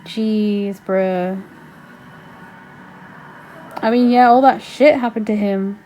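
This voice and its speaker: A woman reacting to a show in casual commentary, excitable and full of slang and swearing. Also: mid-range voice, takes it slowly, soft background music. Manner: excitable, exclaiming, slangy and profane. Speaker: reaction video host.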